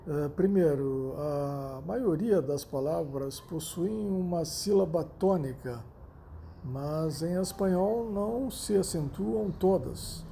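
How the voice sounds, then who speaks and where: A man with a Brazilian Portuguese accent walks through a lesson at an unhurried pace, pausing to check understanding with listeners. His voice is gravelly and dark, sitting a little higher than usual. Faint background noise hums underneath the recording. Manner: slow, repeats himself, frequent "né?" and "tá?" checks. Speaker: language teacher. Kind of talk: explanatory lesson.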